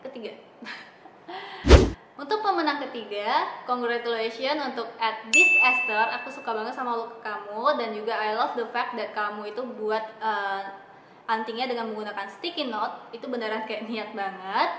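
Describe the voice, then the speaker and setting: A woman in her twenties with an Indonesian accent, making an excited, gushing giveaway announcement to camera as a vlogger. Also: fairly high pitch, moderate pace. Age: 20s. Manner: excited, gushing, mixes in English phrases. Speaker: beauty vlogger. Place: small indoor studio with plain backdrop. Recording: echoey hall-like room with loud noise.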